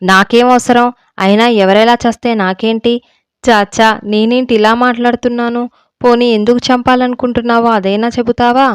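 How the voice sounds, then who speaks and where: A woman's voice: fairly high pitch, fairly even intonation, normal speed, clear, resonant tone, no room sound, close to an everyday voice. A woman voicing a timid, anxious young wife who pleads with her friend in a storybook reading.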